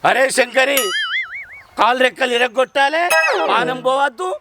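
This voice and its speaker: An actor with a Telangana accent playing a boastful village wrestler-goon who is broke and wants liquor. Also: male voice, extremely high pitch, steady tone. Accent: Telangana Telugu. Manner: boastful, drawn-out self-introduction. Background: loud background music.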